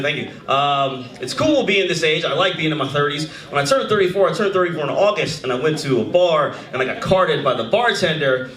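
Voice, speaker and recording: A man in his thirties doing a stand-up comedy set, animated and shouting his punchlines. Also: on the high side. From United States. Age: 30s. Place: comedy club stage before a live audience. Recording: roomy club with crowd laughter. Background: audience laughing.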